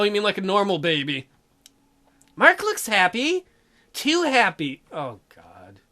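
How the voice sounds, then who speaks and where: His voice sits high and sounds gravelly as he hosts a let's play, reading a dating sim's lines aloud with crude jokes tossed in between. He's animated and jokey, giving the characters shifting voices.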